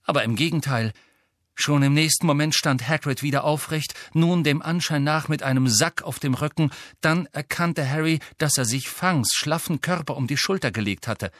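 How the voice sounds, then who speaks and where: A man reading a novel aloud with steady, even storytelling. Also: on the high side, moderate pace, no echo, studio quality. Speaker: audiobook narrator. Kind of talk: scripted narration.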